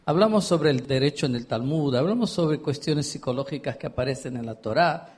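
A man who is a rabbi, giving an animated storytelling lecture. He acts out the dialogue of his anecdotes and puts questions straight to his listeners. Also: on the high side, brisk, slightly rough. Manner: questions the audience directly.

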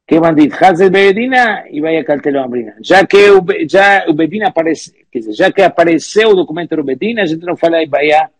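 A man teaching a religious text lesson, reading out source phrases and explaining them with halting restarts. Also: fairly high pitch, animated, no room sound.

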